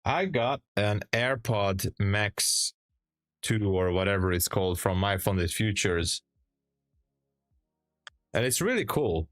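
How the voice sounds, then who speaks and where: A man's voice: on the low side, animated, slow, long pauses, fairly bright tone, no echo, clean studio sound, soft background music. A young Hungarian man with a Hungarian accent, streaming live trades and chatting casually with viewers, laughing often and restarting his sentences as he reads the chat. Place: home trading room. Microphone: headset.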